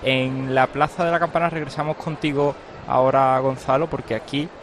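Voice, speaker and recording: A man co-commentates on a live broadcast and patiently explains the background to what is happening. Clear noise from outdoors sits under his voice. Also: medium pitch, fairly even intonation, normal speed. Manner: explanatory, adds background detail. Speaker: studio co-commentator.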